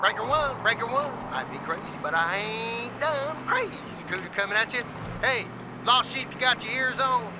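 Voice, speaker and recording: An actor playing a rowdy backwoods mechanic, calling out in trucker CB radio slang over a radio transmission. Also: male voice, very high-pitched, animated, normal speed, noisy background.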